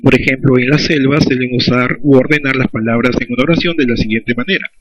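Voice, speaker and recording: A teacher walks through a recorded language lesson step by step, often pausing to check in with a quick "¿sí?". His voice sits at an ordinary middle pitch for a man. The recording sounds dull and lo-fi. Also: steady tone, background noise. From Peru. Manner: methodical, checks understanding with "¿sí?".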